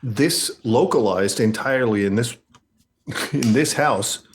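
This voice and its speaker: A man's voice: medium pitch, takes it slowly, a little hiss or hum. A man chatting casually on a game stream, rambling and joking. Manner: rambling, jokey, laughs often.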